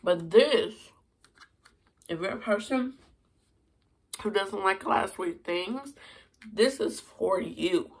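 A young woman with a hoarse voice, chatting casually and rambling in a food review vlog. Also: mid-range voice, slow pace, long pauses. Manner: chatty, rambling with many fillers. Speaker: vlogger.

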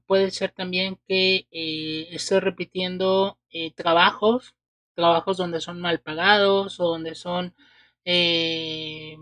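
A woman lays out tarot cards and reads them for the viewer at an unhurried pace. She fills gaps with soft "eh"s and checks in with a little "ok?". Her voice sits at a middle pitch and sounds dry and close, with little room around it. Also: dry recording. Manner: unhurried, many filler "eh"s and checking "¿ok?". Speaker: tarot reader. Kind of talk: tarot reading to camera. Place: indoors at a table.

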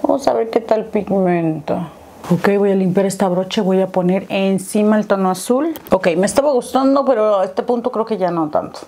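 A woman's voice: mid-range voice, normal speed, mellow. A woman, a beauty vlogger chatting her way step by step through a makeup tutorial. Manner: chatty step-by-step narration with diminutives.

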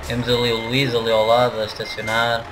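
A gaming channel host with a European Portuguese accent casually commentates a truck driving game, chatting directly to his viewers. His voice is medium in pitch, fairly quick, and completely flat in delivery. Noisy game audio plays behind him.

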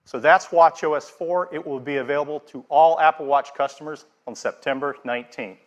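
A middle-aged man presenting products on a large theater stage in a steady, scripted keynote delivery. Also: on the high side, a little fast.

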